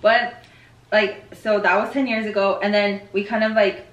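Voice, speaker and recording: A woman's voice: mid-range voice, little pitch movement, normal speed, dull audio. A woman in her late twenties co-hosting a podcast, chatting casually and rambling with friends around a table mic in a living room. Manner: chatty, rambling, laughs often. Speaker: podcast co-host. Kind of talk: casual chat among friends. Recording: roomy living room sound.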